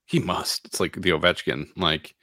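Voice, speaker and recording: A man co-hosting a podcast, chatting casually about sports, animated and quick to laugh. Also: deep voice, no echo, studio quality. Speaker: podcast co-host.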